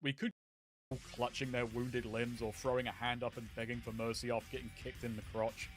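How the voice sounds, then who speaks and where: A man's voice: medium pitch, level tone, brisk. Man narrating a game review over faint music. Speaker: video reviewer.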